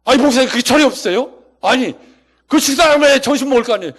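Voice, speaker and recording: A preacher puts on a fuming church volunteer, stuck on meal duty, who shouts a complaint at the pastor. The voice jumps well above his own and turns loud and strained. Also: very high-pitched, very fast, voice pushed up. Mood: indignant. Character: shrill indignant church member on meal duty.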